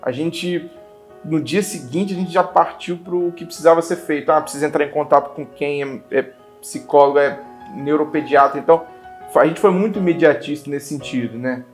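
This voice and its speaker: A man in his twenties, interviewed for a documentary, speaking in a halting, thoughtful way with many restarts. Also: on the high side, soft background music. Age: 20s. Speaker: interviewee, father.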